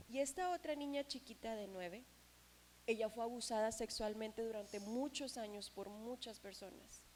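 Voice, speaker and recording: Female social worker, patient, gentle, quiet and low, voiced by a woman telling a story. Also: slight background noise, lightly acted, poor audio.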